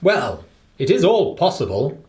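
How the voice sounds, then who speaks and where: A man's voice: fairly high pitch, wildly swooping pitch, unhurried, a little mellow, echoey room. A man playing an earnest doctor and detective's companion in a radio play, with a questioning manner. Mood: puzzled.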